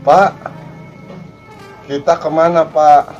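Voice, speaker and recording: A man's voice: fairly high pitch, flat delivery, takes it slowly, darkish tone, dull audio, faint music behind, voice pushed up. A man voicing a humble, polite chauffeur who speaks deferentially to his employer in a told story. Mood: concerned. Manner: deferential, keeps adding "Pak".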